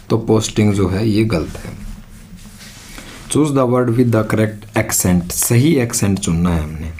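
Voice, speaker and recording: A man's voice: lowish voice, warm tone. A man teaching an exam-prep English lesson, explaining step by step and repeating his own questions.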